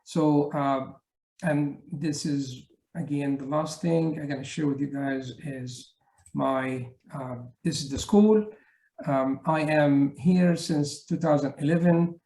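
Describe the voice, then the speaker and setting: A man's voice: fairly high pitch, fairly even intonation, slow pace, creaky, mellow, echoey room, rough recording. A middle-aged man from Egypt, giving a conference presentation on teaching, hesitant with many fillers. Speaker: education researcher presenting his book chapter.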